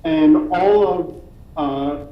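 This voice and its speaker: Halting council member on a tinny remote call, apologetic, slightly high voice, volume uneven throughout, faint hiss behind. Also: male voice, reverberant. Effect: uneven volume, level rising and dropping. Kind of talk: questioning at a public meeting. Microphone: remote call audio.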